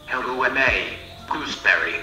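A synthetic male robot voice from a phone text-to-speech app, with a flat delivery. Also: medium pitch, normal speed, distant mic, soft background music. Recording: echoey phone speaker heard from afar.

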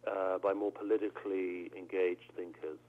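A British theologian from England answers interview questions thoughtfully, often repeating words while he searches for phrasing. His voice is deep with little pitch movement and normal speed, and the audio is narrow and phone-like.

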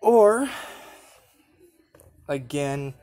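A young man vlogging casually while walking through an antique mall, rambling, laughing often and perking up excitedly at things he spots, recorded on a handheld phone. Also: a little high, extremely slow. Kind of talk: casual handheld shop walkthrough vlog. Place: large indoor antique mall with glass cases. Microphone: phone camera held while walking.

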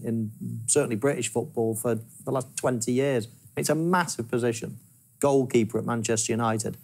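A man in his forties giving measured football analysis in a TV studio on a lapel mic. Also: medium pitch. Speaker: football pundit. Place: large TV studio.

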